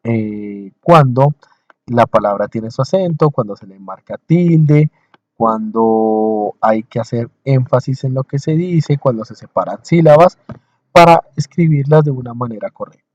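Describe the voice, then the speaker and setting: Man teaching a slow, repetitive lecture. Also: mid-range voice, a little mellow, no room sound, muffled recording. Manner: explains slowly in short phrases, checks in with listeners; repeats phrases to stress a point. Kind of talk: recorded lecture over slides.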